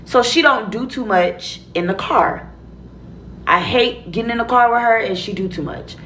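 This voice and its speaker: A woman's voice: on the high side, moderate pace, fairly bright tone, slight background noise, poor audio. A young adult woman telling a casual, profane story to her viewers, blunt and chatty, acting out her own reactions.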